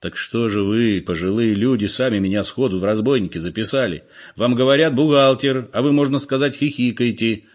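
A man's voice: mid-range voice, a little fast, hardly any pauses, pitched above the performer's own voice, natural voice. A man voicing a meek but sly ex-convict, on a dull lo-fi recording. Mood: indignant.

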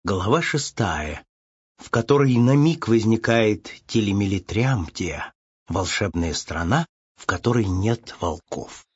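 A man narrating a storybook audiobook in a slow, expressive reading. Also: fairly low pitch, breathy edge. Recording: dull lo-fi audiobook with music.

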